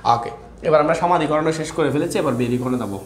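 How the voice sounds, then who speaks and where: A male grammar teacher giving an online class, drilling students with repeated questions, tired and dry-throated from fasting. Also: a little high, reverberant, slight background noise.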